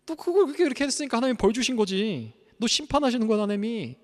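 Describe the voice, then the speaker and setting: Brief: sneering male accuser, scolding and high, in a long-reverb hall, put on by a preacher. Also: expressive, very fast, darkish tone. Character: taunting accuser voice of Satan, male.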